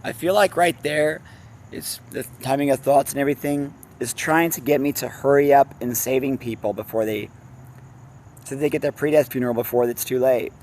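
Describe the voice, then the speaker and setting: A man's voice: mid-range voice, fairly even intonation, moderate pace, a little mellow, slight background noise. A man casually reading a fantasy novel aloud, stumbling over words and breaking off into rambling asides with laughs. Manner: breaks off with laughs and personal tangents; stumbles and self-corrects while reading.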